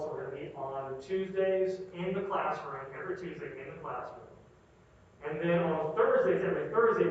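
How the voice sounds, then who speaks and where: A man's voice: a little high, slight background noise. A male university lecturer speaks through a face mask in a very echoey classroom, picked up by a distant, dull-sounding microphone. His delivery is informal, and he often repeats phrases and checks in with the class.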